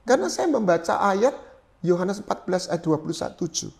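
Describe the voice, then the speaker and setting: Animated middle-aged pastor from East Java. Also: male voice, high voice, a little fast, creaky. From East Java, Indonesia. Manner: animated storyteller, swings loud and soft, acts out his own prayers; drops English phrases into his talk. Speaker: pastor, guest. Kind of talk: personal testimony in an interview.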